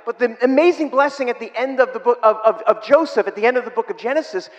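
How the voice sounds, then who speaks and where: A man preaching a sermon, telling stories that rise to emphatic, excited bursts and then drop to hushed, soft passages. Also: very high-pitched, quick pace, in a large hall, dull audio. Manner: storytelling, rising to emphatic bursts, dropping to soft near-whispers.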